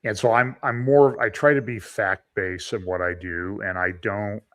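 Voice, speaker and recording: A man who is a lawyer, hosting a conversation and telling stories in a measured, skeptical way. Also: lowish voice, steady tone, fairly bright tone. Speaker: host and lawyer. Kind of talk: conversational commentary.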